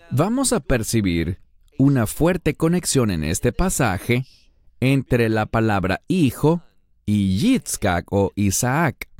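A man teaching a Bible study lesson, explaining a passage verse by verse, slowing down on key words and putting questions to the listener. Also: mid-range voice, darkish tone, dry recording.

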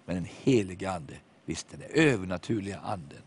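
A man preaching a sermon, telling a story with animated quoted voices and sudden hushed moments. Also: low voice, slightly rough. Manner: drops to hushed tones at reflective moments.

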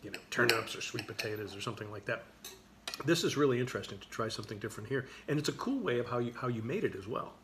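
A man hosting a show, chatting in a relaxed, rambling way over a dinner table, often restarting his sentences. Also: mid-range voice, quick pace, noisy background. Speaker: show host. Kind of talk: casual chat over a dinner. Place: dining table indoors.

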